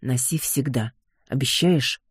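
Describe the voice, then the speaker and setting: A reader voicing a calm, dryly affectionate young sorcerer who heads his clan, in an audiobook. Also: medium pitch, unhurried, slightly rough, dry recording, clean studio sound.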